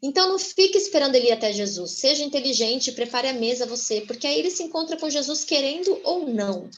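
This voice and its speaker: A woman with a Brazilian Portuguese accent giving a church testimony, telling her story in a lively, animated way and often calling out to the audience. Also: high-pitched, fast talker, lo-fi sound. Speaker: guest speaker giving a testimony.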